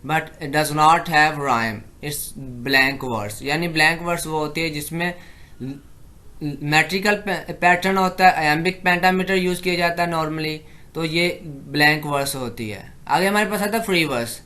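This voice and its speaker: A man giving an exam-prep lecture, explaining in Hindi-Urdu and reading English definitions slowly and deliberately. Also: fairly high pitch, pushed and bright. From Pakistan.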